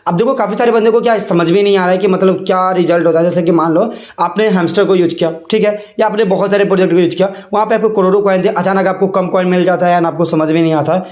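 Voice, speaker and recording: Quick and steady, a high but darkish-toned male voice fills a casual crypto explainer vlog with repeated fillers such as "ठीक है" and "यहाँ पे." The YouTuber's chatty delivery is heard in a reverberant space.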